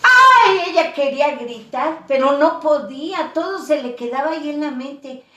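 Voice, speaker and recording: A woman with a high-pitched voice tells a scary story at a normal speed, chatting casually and dropping in plenty of fillers like "pues" and "¿no?". The room echoes, and her voice sounds a bit distant from the mic.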